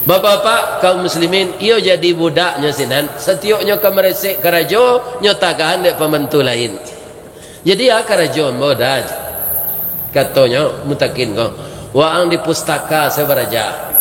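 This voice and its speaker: Male Minang-accented preacher, lively comic sermon storytelling, slightly high voice, roomy mosque. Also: unhurried, a little hiss or hum. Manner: lively, rhetorical, keeps asking "right?". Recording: echoey mosque hall.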